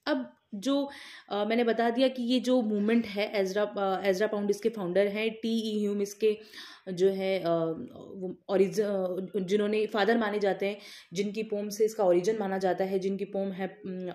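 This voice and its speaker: With a mellow, mid-range voice and fairly even intonation, a female teacher lectures on literature with exams in mind. She explains in Hindi sprinkled with English terms and filler pauses, restating main points and answering the questions she asks herself.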